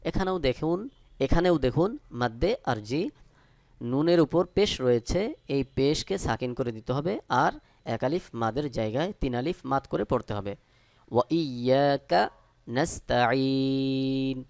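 A man teaching Quran recitation in Bengali-accented speech. He spells each letter and vowel mark, then recites the words slowly. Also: mid-range voice, expressive, creaky, darkish tone, no room sound. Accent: Bangladeshi Bengali. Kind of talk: step-by-step recitation lesson.

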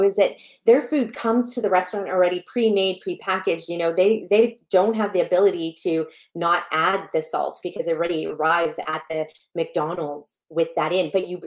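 Middle-aged woman, low-pitched and emphatic, podcast guest on a video call. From born in Malawi, raised in Canada. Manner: emphatic, passionate, gestures while talking. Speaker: guest, health educator. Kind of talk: podcast interview. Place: home room with plants. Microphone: headset over a video call.

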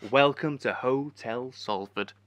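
A man playing a brash hotel owner who puts on a Scottish accent, loud, jolly and leering. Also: mid-range voice, slow, no room sound, natural voice. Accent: put-on Scottish.

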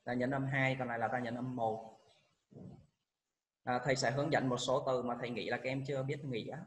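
A man's voice: medium pitch, fairly even intonation, poor audio. Vietnamese male teacher explaining test answers. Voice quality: reads English answer words slowly and explains them in Vietnamese. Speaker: high school English teacher. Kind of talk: exam walkthrough lesson.

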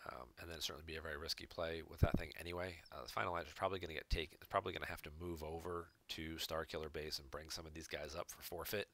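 A man's voice: extremely low pitch, fairly even intonation, rapid-fire, hardly any pauses, bright, forceful tone, a little hiss or hum. A man commentating on a recorded card game match, explaining each play step by step from home. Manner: analytical, explains plays step by step. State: hiccups. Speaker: game reviewer. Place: home room.

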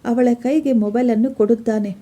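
A woman narrating a scripted moral story in a steady, plain reading voice. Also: a little high, a little fast.

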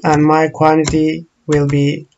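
A man whose first language is Turkish, walking through software screens in a slow, halting tutorial full of pauses and fillers. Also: a little high, completely flat delivery, lo-fi sound, a little hiss or hum. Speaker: software trainer.

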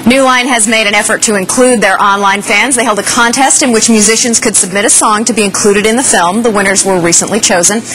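A woman's voice: medium pitch, fairly even intonation, fairly quick, hardly any pauses, fairly bright tone, poor audio. A young woman reporting a scripted entertainment news segment from a TV studio, in a playful newsreader manner. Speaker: news correspondent. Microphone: lapel mic.

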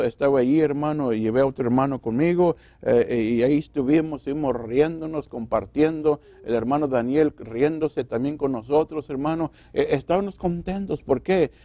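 A man's voice: on the high side, mellow, no echo, muffled recording. A man preaching a sermon as pastor in a church, asking rhetorical questions and acting out what people say. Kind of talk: Spanish sermon.

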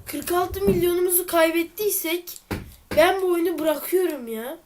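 A woman with a high voice plays through a game and talks it over as she goes. Her nose sounds stuffy. She grumbles under her breath, then breaks into exasperated outbursts. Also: normal speed, darkish tone, slight background noise. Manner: frustrated, exclaiming and muttering at the game. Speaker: let's player. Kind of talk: let's play commentary.

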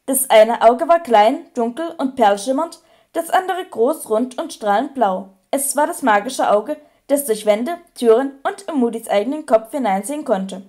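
A woman narrating an audiobook with clear, even storytelling. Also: on the high side, moderate pace. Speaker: audiobook reader.

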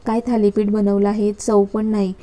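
A woman's voice: medium pitch, completely flat delivery, moderate pace, lightly acted. A woman voicing a harsh, scolding middle-aged aunt in a read-aloud story. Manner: sharp, nagging, contemptuous.

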